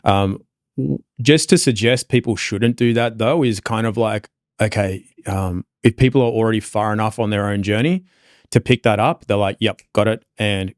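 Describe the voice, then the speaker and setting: An Australian man speaking in a fairly low voice as a podcast guest. He thinks aloud in a loose, meandering way, leaning on lots of fillers. The recording is close and dry, with no room sound. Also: moderate pace, no room sound. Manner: reflective, loose and rambling, many fillers. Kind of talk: casual conversation.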